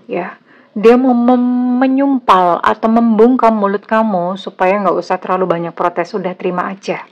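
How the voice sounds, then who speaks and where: A woman's voice: mid-range voice, steady tone, moderate pace, lo-fi sound. A woman with an Indonesian accent doing a casual tarot reading for a viewer, chatty and blunt, mixing in English phrases. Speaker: tarot reader.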